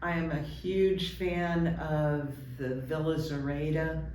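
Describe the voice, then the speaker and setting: A man telling stories and explaining things conversationally in an interview, with hesitant pauses. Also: a little high, fairly even intonation, darkish tone. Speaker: ghost tour company representative and guide trainer. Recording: roomy, distant mic, faint background noise.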